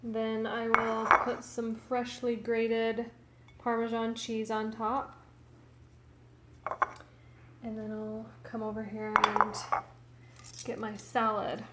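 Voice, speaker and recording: Slow-talking woman in a home kitchen. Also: on the high side, monotone, reverberant, heavy background noise. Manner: slow, homely commentary while plating food. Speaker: home cooking vlogger. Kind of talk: casual cooking vlog narration.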